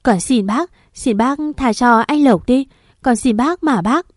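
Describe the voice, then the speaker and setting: An anxious young man begging for mercy in a raised, high voice, as a woman narrator plays him. The recording is dry and intimate. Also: a little slow, dry recording. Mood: pleading. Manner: pleading.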